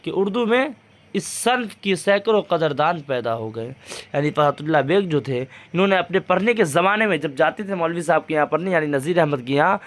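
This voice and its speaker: Young male tutor, high voice, walks through exam answers, repeats every point. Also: animated, brisk. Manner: repetitive, explains each line again. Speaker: Urdu teacher.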